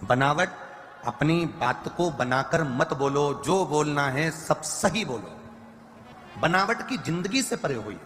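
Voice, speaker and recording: Guy preaching a devotional sermon, kinda high voice, long echo in a big hall. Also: animated, takes it slowly, fairly bright tone. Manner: preachy, repetitive lists, rising emphatic lines. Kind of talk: Hindi religious discourse. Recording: reverberant hall with faint ambient noise.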